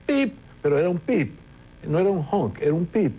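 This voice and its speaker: A man's voice: high voice, very animated, moderate pace, mellow, slight background noise. A man, a television presenter guest in an interview, talking reflectively and telling anecdotes with frequent restarts. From Venezuela. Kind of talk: conversational interview storytelling.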